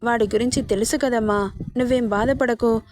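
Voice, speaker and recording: A woman voicing a gentle, affectionate father-in-law who soothes and coaxes. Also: on the high side, steady tone, normal speed, no room sound, studio quality, natural voice. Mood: doting. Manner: soothing, coaxing.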